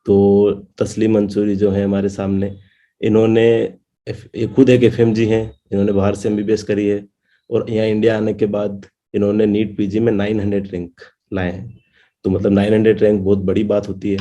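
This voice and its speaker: A young man in his twenties hosts a relaxed interview, his voice low and very dark. He keeps his delivery fairly level and easygoing, giving short affirming replies. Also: normal speed. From India. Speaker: host. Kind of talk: casual interview.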